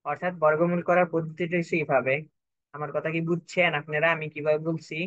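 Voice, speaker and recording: A man's voice: a little high, level tone, fast talker, a bit bright, no echo, muffled recording. A young man tutoring a math lesson step by step, patient and repetitive, often checking that his students understand.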